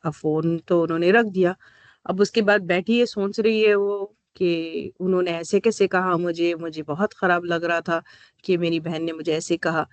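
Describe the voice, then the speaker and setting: A woman counsellor giving a workshop talk, telling a story with many pauses and fillers, switching into English phrases. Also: fairly low pitch, fairly even intonation, no room sound, lo-fi sound.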